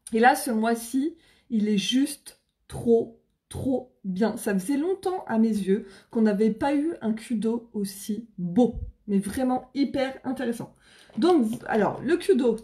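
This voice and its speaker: A woman's voice: on the high side, dark tone. A woman with a French accent, chatting on a live stream as she presents makeup, bubbly, with casual slang and greetings to viewers by name. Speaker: independent makeup seller. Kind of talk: live stream sales chat.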